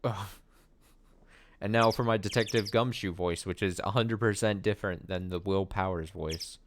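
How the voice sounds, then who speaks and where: Low-pitched man casually playing through a game. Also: moderate pace, background noise. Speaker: gameplay host. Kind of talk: casual game commentary and read-aloud.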